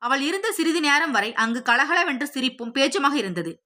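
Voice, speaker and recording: A woman narrating a story in a steady, expressive, scripted storytelling voice. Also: sits high, moderate pace. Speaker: audiobook narrator.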